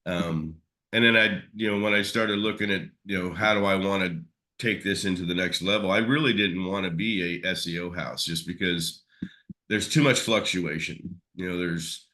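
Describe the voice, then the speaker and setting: A man's voice: deep voice, fairly even intonation, moderate pace, sharp tone. A man talking casually as an interview guest, rambling with many fillers and restarts. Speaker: SEO expert guest.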